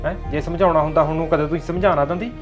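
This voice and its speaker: An actor playing a gruff but kindly older father-in-law who scolds and bickers, with faint music behind. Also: fairly high pitch, fairly even intonation, racing, dull audio, natural voice. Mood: grumbling, sympathetic. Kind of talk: amateur short-film acting.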